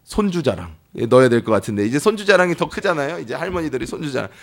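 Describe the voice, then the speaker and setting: A pastor preaching a sermon in a church, telling stories with lively, acted-out voices. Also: male voice, mid-range voice, racing, gravelly. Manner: lively storytelling that acts out quoted people. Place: church sanctuary.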